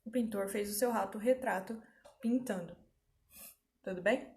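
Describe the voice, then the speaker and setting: A woman's voice: mid-range voice, a little slow, darkish tone. A woman teaching an online grammar lesson, explaining patiently and often checking that students follow.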